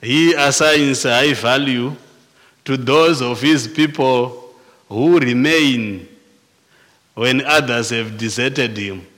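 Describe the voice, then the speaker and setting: Slow Zimbabwean-accented male preacher. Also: medium pitch, a bit bright, in a large hall. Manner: slow and deliberate, with frequent restarts and repeated words. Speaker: pastor. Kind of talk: sermon.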